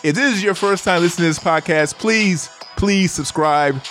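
A man hosting a casual sports talk show in an energetic, emphatic manner. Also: high-pitched, normal speed, soft background music. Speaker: sports podcast host.

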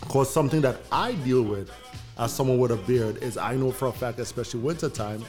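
Medium-pitched man hosting a casual chat. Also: brisk, a little mellow. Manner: informal, slangy. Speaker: host asking questions. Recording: music behind the voice.

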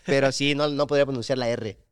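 Fast-talking Mexican young man. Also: medium pitch, a loud crowd. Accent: Mexican Spanish. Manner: slangy, animated storytelling, mimics voices. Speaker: podcast host. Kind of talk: casual chat.

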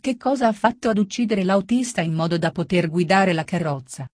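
Worried gentleman asking stuff, woman reading, plain and low, dry. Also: a little fast, no room sound, lightly acted. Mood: questioning. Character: worried gentleman, adult man, the brother.

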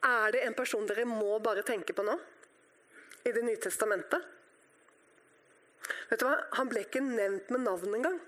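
A woman preaching a sermon to her congregation, impassioned and dramatic, swinging from loud cries to hushed whispers. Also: fairly high pitch, pauses often.

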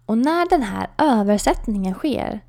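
A woman coach telling a personal story and explaining an idea in a calm storytelling way, with soft whispered asides. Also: fairly high pitch, vocal fry.

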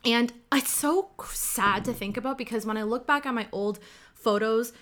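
With a voice on the high side and a bit bright, a woman from Ottawa, Canada, talks at normal speed while sharing a personal story. Her first language is Cantonese, and her style is candid and conversational, with lots of "like" fillers.

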